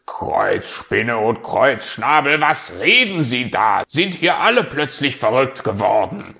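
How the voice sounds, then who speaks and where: A man's voice: on the low side, a little slow, vocal fry, a bit bright. A man voicing a flustered, stingy male fox who blusters with silly oaths in a storybook reading.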